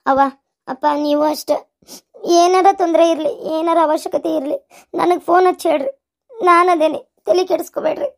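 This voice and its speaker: A woman voicing a caring grown child giving gentle advice to a parent, with a North Karnataka Kannada accent. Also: very high-pitched, fairly quick.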